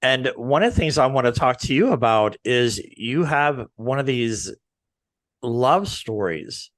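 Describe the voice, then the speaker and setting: A man's voice: medium pitch, fairly bright tone, no room sound. A man hosting an interview show who also works as a counselor, speaking in an informal, rambling way and sometimes losing his thread. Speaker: podcast host and counselor.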